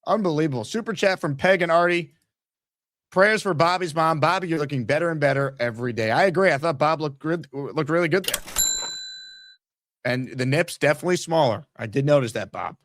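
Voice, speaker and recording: A man's voice: fairly high pitch, animated, fairly quick, a bit bright, no echo. A man casually hosting a live sports fan call-in show.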